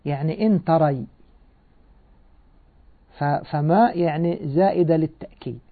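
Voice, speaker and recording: A man gives a patient Quran and grammar lesson. He asks questions and answers them himself. His voice sits a little high and comes through a thin, phone-like recording. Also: a little slow. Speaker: Quran teacher. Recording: tinny phone-like sound.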